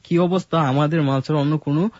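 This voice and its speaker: A man telling his life story in a casual radio conversation, halting, with many fillers and restarts. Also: on the high side, steady tone, darkish tone, dry recording. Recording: dull lo-fi radio studio sound.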